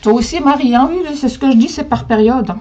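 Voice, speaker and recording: Over very noisy audio, a woman with a high-sitting voice talks fairly quickly while demonstrating crafts live from home. Chatty and casual, she answers what viewers comment and talks to her dog.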